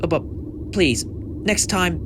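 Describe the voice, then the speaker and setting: A man playing the Doctor, a gentle, polite, eccentric time-travelling adventurer in an amateur audio drama. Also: high voice, animated, slow, background noise. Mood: kindly, brisk.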